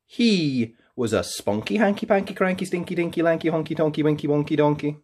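A storyteller hosting a read-aloud show performs a children's picture book playfully and theatrically, lingering on key words. The voice sits at a medium pitch, runs a little fast and is husky and a little mellow.

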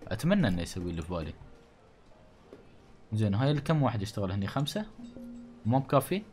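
Speaking fast with big swings in pitch, this Gulf Arabic-accented man has a lowish, slightly mellow voice. He hosts a gaming channel, musing casually over his play and teasingly complaining about the game's townsfolk, while soft music plays underneath. A studio condenser mic captures him.

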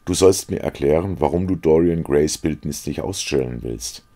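A man's voice: very deep voice, normal speed, dark tone. A man reading aloud as a witty, cynical young aristocrat who talks in mocking epigrams. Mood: amused, teasing.

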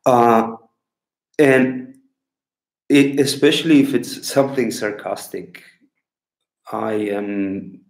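Speaking English with a Bulgarian accent, a man in his thirties from Bulgaria answers viewer questions as a clown, his voice medium-pitched and creaky. He talks casually to his laptop webcam at a desk in a small room at home, rambling unhurriedly and pausing to search for words. The laptop mic captures the room's echo.

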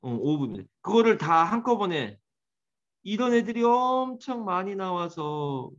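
A man's voice: high voice, very animated, measured pace, muffled recording. A man teaching an English grammar class, quizzing and teasing his students by name as he goes.

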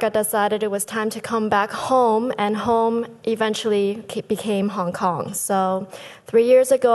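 Woman, 30s, business founder giving a prepared conference speech, animated, lectern mics, reverberant hall. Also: medium pitch. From Thailand. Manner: lively, gestures with both hands, speaks from a lectern. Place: large conference hall stage. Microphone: lectern microphones.

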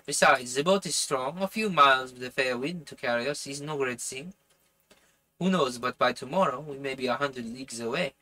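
A man's voice: mid-range voice, moderate pace, pushed and bright, close to an everyday voice, low-quality recording. A man voicing a determined, impatient harpooner in an audiobook, with a put-on French accent and an urgent, resolute manner. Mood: defiant. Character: determined, impatient Canadian harpooner plotting escape. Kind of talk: audiobook character voice.

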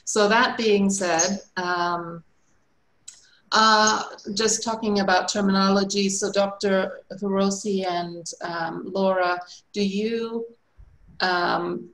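A woman's voice: mid-range voice, fairly even intonation, slow pace, a bit bright, rough recording. Encouraging woman moderating a video panel. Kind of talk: video call interview. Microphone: computer mic on video call.

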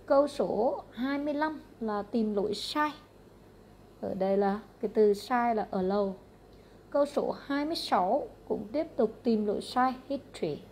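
Brisk Vietnamese woman teaching English. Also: a little high, darkish tone, slight background noise. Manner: brisk, matter-of-fact, repeats question numbers. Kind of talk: going through exam answers.

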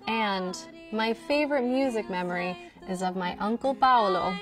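A folk musician from Queens, New York tells children about her family and music in a scripted educational talk, storytelling with enthusiasm. Her mid-range voice moves at normal speed, picked up from far away in an indoor studio with a wooden wall backdrop.

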